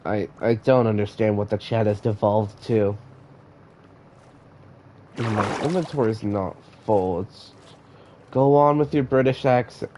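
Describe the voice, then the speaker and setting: A man's voice: lowish voice, steady tone, a little slow, long pauses, mellow, slight background noise. A man who is sick, chatting casually to his live-stream chat while he plays, often stammering and repeating words. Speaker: live-streamer playing a block-building game.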